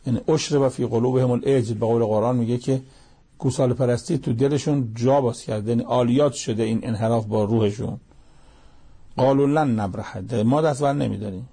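Gravelly, husky-voiced male preacher. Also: medium pitch, steady tone, dark tone. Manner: recites Arabic verses, explains in Persian, asks pointed rhetorical questions. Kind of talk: sermon on Quran verses.

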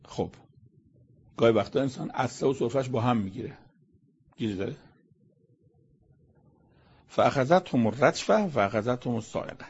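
Husky-voiced man giving a sermon. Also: mid-range voice, expressive, long pauses, darkish tone, dull audio. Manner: rhetorical questions, reciting Arabic verses then explaining them. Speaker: religious lecturer explaining Quran verses. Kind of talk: conversational sermon.

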